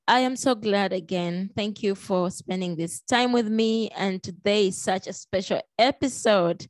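A woman from Congo hosting a casual podcast interview, chatty and expressive with frequent jumps in pitch. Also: measured pace, dry recording. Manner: chatty with small restarts and fillers. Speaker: podcast host.

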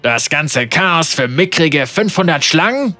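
A man reading aloud and voicing a suspicious, hot-tempered tattooed pirate, strained and forceful. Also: a little high, animated, measured pace, no echo, soft background music. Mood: hostile. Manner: angry, then pleading.

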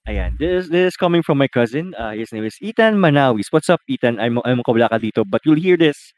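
A man with a Filipino accent co-hosting a casual podcast, talking straight to listeners and often dropping into a low mutter. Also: animated, fairly quick, dry recording. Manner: chatty, addresses listeners as guys, drops to a low mutter. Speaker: podcast co-host. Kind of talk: casual chat.

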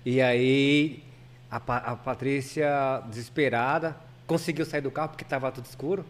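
A man's voice: mid-range voice, fairly even intonation, normal speed. A man who is a lay preacher, a guest on a podcast, telling a personal story in casual, earnest talk full of restarts and repeated words.

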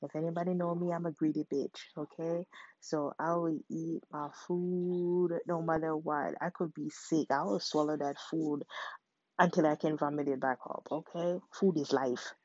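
Husky low-voiced woman, profane storytime. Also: steady tone, moderate pace, a little mellow, no echo. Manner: blunt, profane, dramatic retelling. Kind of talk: casual storytime. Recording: dull lo-fi sound.

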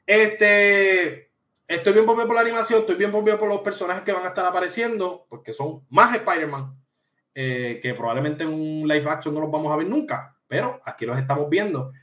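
High-voiced joking man. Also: fairly quick. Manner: joking, animated, slangy rants. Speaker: podcast host reading live chat. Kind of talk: casual live-stream commentary. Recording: echoey room.

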